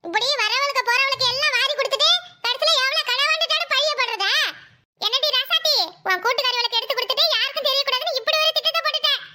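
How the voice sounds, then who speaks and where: In heavily acted cartoon voice work, a woman plays a quarrelsome, sarcastic neighbor woman with a Kanyakumari Tamil accent. Her voice is extremely high, fast and sharp, with a slight hiss or hum, and she sounds scolding, sarcastic and indignant.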